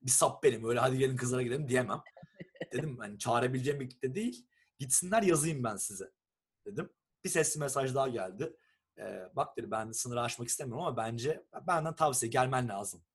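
A young man from Turkey, telling a long story in a casual, animated chat and acting out what people said. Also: medium pitch, fast, slightly rough. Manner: animated storyteller who acts out quoted texts and swears casually.

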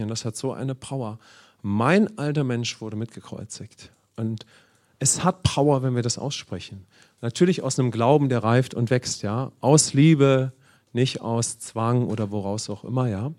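A man preaching a sermon, calling out "Amen" and "ja" often, with loud exclamations and quiet, murmured passages. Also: mid-range voice. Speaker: pastor.

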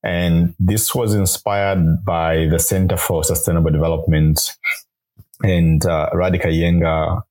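A young Zambian man, a grad student who also produces radio, is a guest on a podcast interview, explaining things at length in an earnest, upbeat manner. His voice is deep and warm, unhurried, with little pitch movement.

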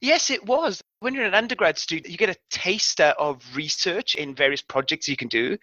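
Middle-aged academic guest, self-deprecating explainer, slightly high voice. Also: male voice, expressive, moderate pace, pushed and bright, dry recording, lo-fi sound. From South Wales. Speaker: guest astrophysicist. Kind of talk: relaxed explanatory interview talk.

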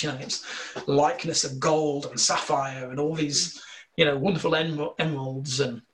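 A man with a slight northern English accent, explaining scripture in a relaxed discussion, earnest and full of fillers. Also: a little high. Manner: earnest, explanatory, thinking aloud with many fillers. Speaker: bible teacher. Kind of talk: casual theological discussion.

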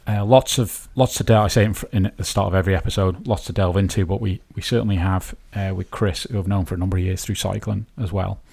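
A man's voice: low-pitched, steady tone, quick pace, creaky, hardly any pauses, darkish tone, slightly rough. A man with a Manx accent hosting a casual interview podcast, with informal, rambling phrasing. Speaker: podcast host.

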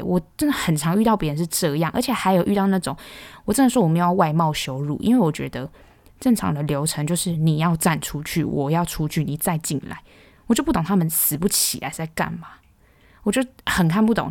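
A young woman with a Taiwanese Mandarin accent, hosting a podcast and ranting in a casual, exasperated, animated way. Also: on the low side, gravelly, no room sound. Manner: exasperated, animated, exclaims loudly. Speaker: podcast host.

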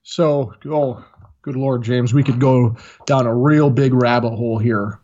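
A man's voice: unhurried, lo-fi sound. A man, a former Marine guest, telling a story casually and acting out the quoted voices. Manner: animated storyteller, acts out quotes with raised pitch.

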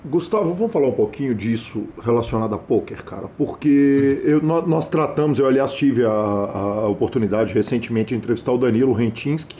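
A man hosting an interview, asking long questions haltingly with many restarts. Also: medium pitch, expressive, dark tone, a little hiss or hum. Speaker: interviewer, host.

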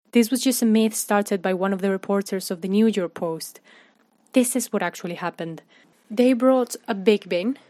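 With a medium pitch and no room sound at all, a woman delivers scripted documentary narration. Her storytelling is lively, dotted with rhetorical questions aimed at the listener.

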